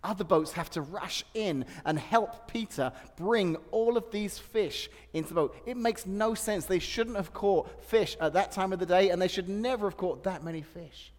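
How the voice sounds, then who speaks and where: A middle-aged male pastor preaching a sermon, animated and storytelling with repetitions and humor. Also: high-pitched, moderate pace, hardly any pauses, long reverb tail.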